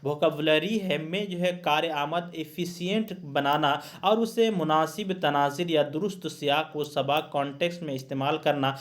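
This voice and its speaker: Man, teacher, exam-prep lecture, slightly high voice, repetitive explaining, filler-heavy. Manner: explains each point in repeated rephrasings with many fillers.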